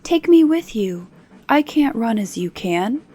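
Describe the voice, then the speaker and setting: A woman's voice: fairly high pitch, big pitch swings, unhurried, mellow. A woman voicing an earnest, bargaining frog who speaks formally in a bedtime fairy tale. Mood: pleading. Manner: earnest, formal storybook speech.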